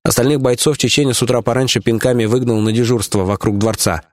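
A man narrating an audiobook in a steady, even storytelling manner. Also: medium pitch, fast. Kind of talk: scripted narration.

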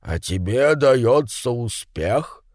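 A crafty old uncle who teases and drawls, as a man reading a story puts him on. The voice swings widely in pitch. It is recorded close and dry. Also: lively intonation, slow pace, darkish tone, no room sound. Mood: teasing. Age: older. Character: sly, teasing old male uncle.

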